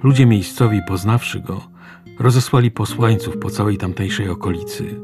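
A man reading a Gospel passage aloud in a measured, solemn way. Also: lowish voice. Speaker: scripture reader. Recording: music bed under voice.

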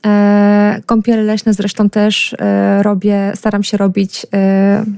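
A woman's voice: mid-range voice, completely flat delivery, takes it slowly, creaky, mellow, clear, resonant tone, dry recording, clean studio sound. A woman speaking as a radio guest, a forest bathing guide talking thoughtfully with many hesitations. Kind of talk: casual radio conversation.

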